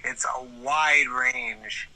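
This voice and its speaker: A man in his thirties giving a casual personal interview as a podcast guest, with measured, halting phrasing. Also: mid-range voice, pushed and bright, rough recording.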